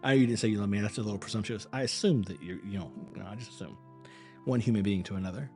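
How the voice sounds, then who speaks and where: Faint music sits behind this man, a performance and acting coach talking informally with his live-stream audience. His voice is on the low side, a little mellow, and very fast. Worn out and growing thin-voiced, he rambles with earnest energy, restarting his words as he goes.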